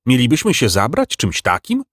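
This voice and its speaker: A man's voice: mid-range voice, wildly swooping pitch, normal speed, dry recording, clean studio sound. A man voicing a haughty, knowing male guide who answers dismissively. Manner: dismissive, slightly mocking.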